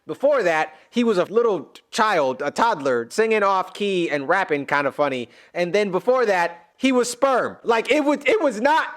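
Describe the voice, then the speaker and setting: Man, reaction commentary, fairly high voice, very lively pitch, emotional, exclamatory, rambling. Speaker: musician reacting to a stage musical.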